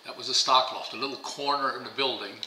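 An older pigeon fancier whose first language is German tells rambling stories in a casual interview at his home's bright dining table, repeating words as he goes. His mid-range voice is steady, fast, bright, and forceful. The low-quality recording sounds roomy, with slight background noise.

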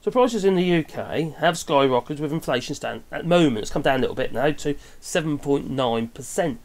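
Recording in a small wooden cabin room with an open window, an English news-commentary vlogger in his fifties talks a little fast, his voice on the high side with lively intonation. His opinionated chatter wanders, packed with tag questions and self-corrections.

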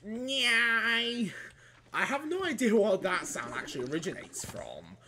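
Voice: medium pitch, brisk, a little hiss or hum. A let's play gamer giving casual gameplay commentary, joking and talking back at the enemies on screen. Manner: animated, jokey, talks back at enemies. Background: game music.

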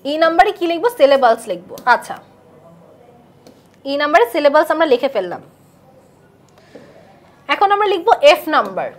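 A woman teaches a live online English class in a high voice. She quizzes her students, repeats their answers back, and reads test sentences out slowly. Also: very animated.

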